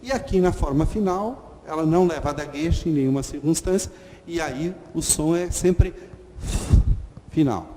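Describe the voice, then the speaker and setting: A man teaches at an unhurried, deliberate pace. His fairly high voice carries a long reverb. A faint hiss sits under the recording. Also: mellow. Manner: slow, patient, repeats letter sounds, frequent "ok?". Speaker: Hebrew teacher. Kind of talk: online lesson at a whiteboard.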